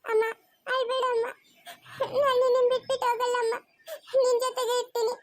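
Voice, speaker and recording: A woman's voice: very high-pitched, flat delivery, brisk, voice pushed up. A woman voicing a small boy who soothes his crying mother and keeps begging her not to cry. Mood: pleading. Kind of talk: family drama acting.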